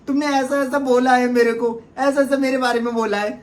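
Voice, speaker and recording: A man with a light, high voice pleads in an emotional vlog. He keeps circling back over the same points, repeating himself. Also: fairly even intonation, fairly quick. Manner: pleading, repetitive. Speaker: pleading ex-partner.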